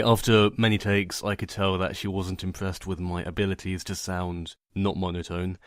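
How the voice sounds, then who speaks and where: A man with a fairly low voice speaks in a plain, monotone way. His delivery is matter-of-fact and deadpan, like a personal vlog told to a microphone. The sound is dry, with very little room in it. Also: no room sound. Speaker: narrator and video creator. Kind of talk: personal vlog monologue, voice only.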